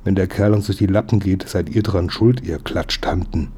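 A man's voice: low-pitched, normal speed, warm tone, husky. A man reading a bossy, clever boy detective leader who gives curt commands. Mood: commanding.

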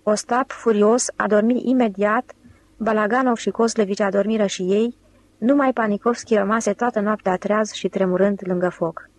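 A woman narrating a novel with a steady, even delivery at a middling pitch. The recording is close and dry, with no room sound. This is audiobook reading. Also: no echo, low-quality recording. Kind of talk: scripted narration.

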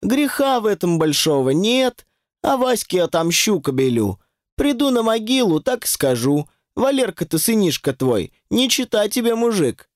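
Storybook granny read by a man: blunt, gossipy, grudging, high lively voice. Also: moderate pace, no echo, studio quality. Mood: vengeful. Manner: folksy, chattering grievances. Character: elderly village woman, blunt and grudging.

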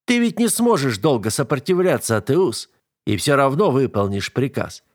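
A man voicing a cruel, arrogant young nobleman who taunts his captive with slow, drawn-out commands in an audiobook. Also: medium pitch, very animated, no echo, studio quality, voice pushed up. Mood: sneering. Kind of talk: audiobook character voice.

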